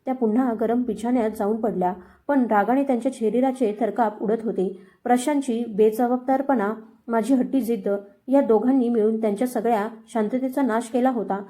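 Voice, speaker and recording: A woman tells a heartfelt first-person story in a dramatic, emotional reading. Her voice sits a little high, with a soft, mellow tone. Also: steady tone, a little fast.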